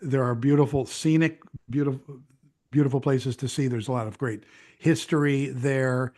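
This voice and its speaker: An older American man, a veteran news broadcaster, chatting as an interview guest, who talks in halting bursts with repeated words and restarts. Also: medium pitch, fairly even intonation, darkish tone. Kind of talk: casual conversational interview.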